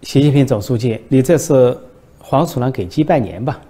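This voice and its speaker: A man's voice: medium pitch, lively intonation, fast, mellow, natural voice. A man voicing a sarcastic, irritated male president who needles his counterpart in a satirical comedy sketch.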